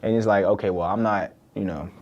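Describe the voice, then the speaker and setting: A man's voice: lowish voice, steady tone, brisk, darkish tone, highs cut off. A young man, a podcast host from Virginia, talking in a loose, conversational solo monologue full of "like" and "right?". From born in the UK, raised in Virginia.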